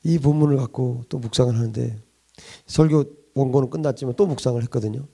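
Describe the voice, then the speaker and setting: A male pastor preaching a sermon with emphasis, firing rhetorical questions and swinging between loud urgency and hushed intimacy. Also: mid-range voice, fast, gravelly.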